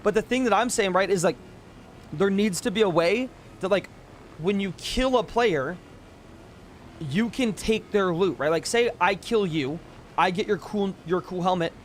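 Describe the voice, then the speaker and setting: High-voiced male game streamer ranting. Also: a little slow, a little hiss or hum. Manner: ranting, emphatic, swears freely. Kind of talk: casual live-stream commentary.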